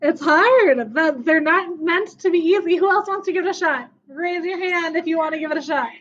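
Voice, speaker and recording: Woman, elementary teacher running an online lesson; bright high voice, upbeat and coaxing, muffled video-call audio. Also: normal speed. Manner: upbeat, encouraging, speaks to children.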